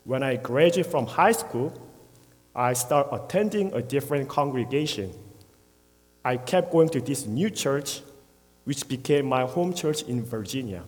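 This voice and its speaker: A man in his thirties with a Korean accent shares a prepared testimony in a church sanctuary. He speaks earnestly and haltingly, with brief pauses and a medium-pitched voice. The sound carries a long reverb from the hall. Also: expressive. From South Korea. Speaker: church member giving testimony.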